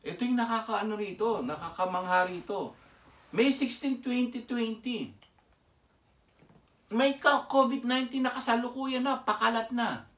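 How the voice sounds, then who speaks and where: High-voiced Filipino preacher in an echoey room. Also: male voice, measured pace, long pauses, fairly bright tone. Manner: emphatic, keeps asking the audience rhetorical questions. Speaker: lay preacher. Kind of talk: Taglish sermon commentary. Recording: echoey room, mic set far off.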